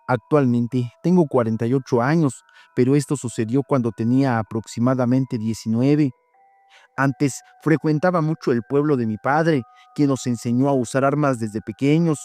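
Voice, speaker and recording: A man host reads a horror story aloud at a steady, measured pace. His voice is warm and mellow and sits close to a dry mic, with faint music underneath. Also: medium pitch, no room sound. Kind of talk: scripted narration of listeners' horror stories. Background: faint background music.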